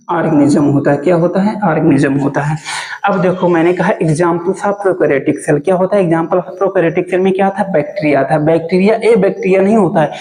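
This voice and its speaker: A man's voice: on the high side, warm tone, echoey room, rough recording. A male teacher giving a lesson, asking a question and repeating the answer several times over. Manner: asks a question, then repeats the answer again and again. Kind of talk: biology lesson in Hindi.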